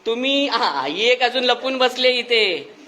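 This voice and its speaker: Man, vlog host, high pitch, bright tone, playful with kids, formal thanks. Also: expressive, measured pace, a little hiss or hum. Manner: playful, teasing children, then formal thanks. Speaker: vlogger host. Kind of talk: casual vlog chat with schoolchildren. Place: village primary school.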